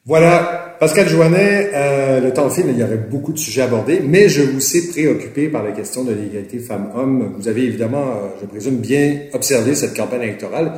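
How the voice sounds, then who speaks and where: A man's voice: mid-range voice, lively intonation, a little fast, darkish tone. A man interviewing a guest, asking courteous, leading questions. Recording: roomy, distant from mic.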